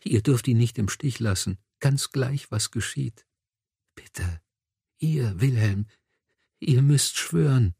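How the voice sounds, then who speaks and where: A man's voice: medium pitch, animated, slow pace, vocal fry, mellow, breathy edge, no room sound, studio quality, full character voice. A man voicing a weak, feverish noblewoman who pleads in a breathless whisper, in an audiobook. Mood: begging. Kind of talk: audiobook dialogue.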